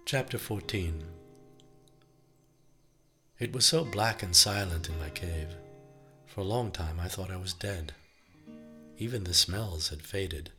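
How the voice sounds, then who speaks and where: Low-voiced guy narrating an audiobook, crisp bright tone, steady measured reading, quiet guitar behind. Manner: even, measured storytelling. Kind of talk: scripted narration.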